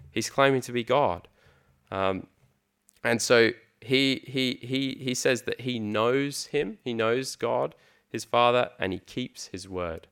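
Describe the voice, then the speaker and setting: A man's voice: mid-range voice, fairly bright tone, smooth. A man preaching a sermon in an earnest, emphatic way, with frequent ums and repeated words.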